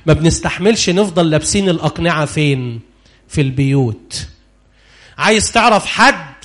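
An Egyptian preacher delivers a sermon in a high, lively voice, throwing questions out to his listeners and pressing for answers aloud. He shifts between urgent appeals and quiet, low asides. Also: moderate pace. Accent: Egyptian Arabic. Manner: animated, questioning the congregation.

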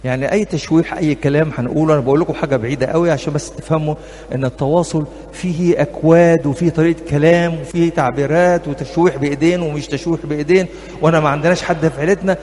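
A man's voice: on the high side, steady tone, very fast, a little mellow. A middle-aged man with an Egyptian accent giving a talk to couples at church as a marriage counselor, humorous and anecdotal, speaking straight to his audience. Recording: reverberant hall, faint background noise.

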